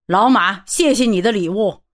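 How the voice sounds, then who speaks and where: A woman doing a loud, boisterous big man. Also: medium pitch, normal speed, lightly acted. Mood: jovial shouting. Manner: loud, hearty, shouting. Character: boisterous big red-nosed middle-aged man.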